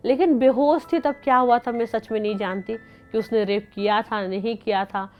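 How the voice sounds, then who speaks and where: A woman's voice: a little high, steady tone, normal speed, dull audio, faint music behind. A young woman, an interview guest, giving an emotional personal account and acting out both sides of the dialogue as she tells it.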